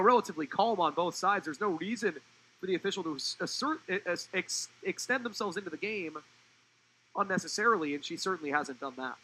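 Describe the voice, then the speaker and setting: A young man giving live play-by-play commentary on a college soccer match, fluent and rising in pitch when the play turns attacking. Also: bright, forceful tone, slight background noise, rough recording.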